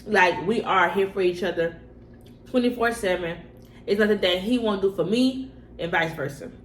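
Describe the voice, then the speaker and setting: A woman's voice: medium pitch, moderate pace. A young adult woman chatting casually as a vlogger, informal and slangy, repeating herself for emphasis. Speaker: vlogger answering personal questions. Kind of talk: casual mukbang chat to camera. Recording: echoey room with faint background noise.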